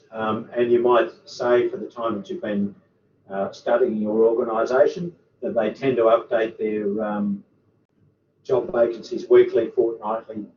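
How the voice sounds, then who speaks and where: A man, a university lecturer answering student questions in an online workshop, full of ums and uhs. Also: on the low side. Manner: halting, many ums and uhs. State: hiccups. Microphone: computer microphone on a video call. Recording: roomy, distant, dull, faint hiss.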